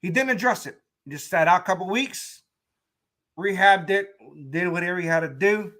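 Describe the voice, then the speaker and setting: A man hosting a casual sports talk show, speaking in an animated way, repeating himself and talking straight to his listeners. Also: high voice, moderate pace.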